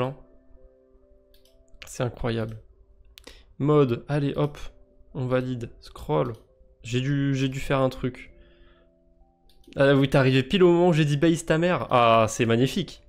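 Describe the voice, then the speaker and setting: A man with a French accent streaming live, casually commenting on crypto quests, joking and mocking himself as he thinks aloud. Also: medium pitch.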